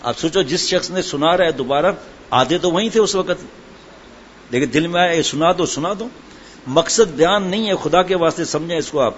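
A man preaching a sermon and telling humorous anecdotes in a chatty way, full of asides. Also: on the high side. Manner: conversational storytelling, chatty asides. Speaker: religious preacher. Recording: dull lo-fi with faint background noise.

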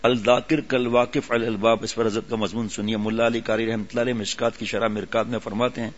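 A man's voice: medium pitch, level tone. Older man preaching a sermon. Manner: storytelling, conversational asides to listeners. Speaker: religious preacher. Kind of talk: sermon to a seated gathering. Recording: dull lo-fi audio.

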